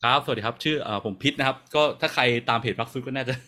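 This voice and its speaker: A man hosting a casual live question-and-answer podcast on a video call, explaining at length in a relaxed way. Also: mid-range voice, very fast. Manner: relaxed, explains at length with fillers and small laughs. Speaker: podcast host and design research director.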